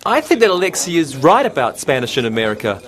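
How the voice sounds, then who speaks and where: Eager young guy, high, animated pitch, clear scripted lesson lines. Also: quick pace. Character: eager young man among friends. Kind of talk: scripted dialogue for English learners.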